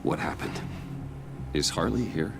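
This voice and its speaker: An actor in a video game playing a grave, measured man who calms and questions a friend. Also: extremely low pitch, vocal fry, background noise, heavily acted. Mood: concerned.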